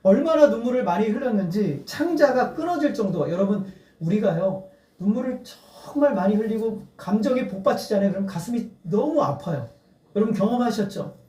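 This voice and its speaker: A male pastor with a high-pitched, warm voice preaches in a church sanctuary. Earnest, he builds to emphatic appeals and breaks into laughter. The distant mic picks up the echoey church hall.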